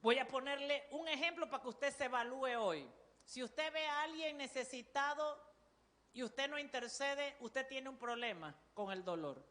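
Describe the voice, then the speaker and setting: A woman pastor with a Panamanian Spanish accent, preaching a sermon in a loud, forceful voice that calls on the congregation to repeat after her. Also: sits high, normal speed, in a large hall.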